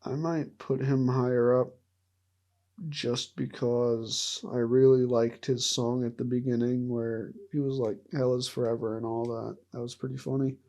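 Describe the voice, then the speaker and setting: A man talks his way through a character ranking in loose, rambling commentary. He speaks slowly at a middle pitch, often breaking into short laughs and restarting his sentences. It sounds unscripted and offhand. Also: little pitch movement, warm tone. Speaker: vlogger ranking show characters.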